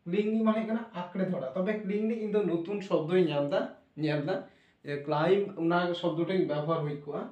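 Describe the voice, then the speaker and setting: A man teaching English pronunciation, slowly spelling out sounds letter by letter in a classroom-style lesson. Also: high-pitched, darkish tone, highs cut off. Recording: echoey room, voice from a distance.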